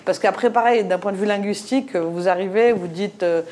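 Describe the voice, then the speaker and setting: This panel speaker, a middle-aged woman from Morocco, has a mid-range, slightly mellow voice and talks fairly quickly with a light Moroccan French accent. Her discussion talk is full of fillers and false starts.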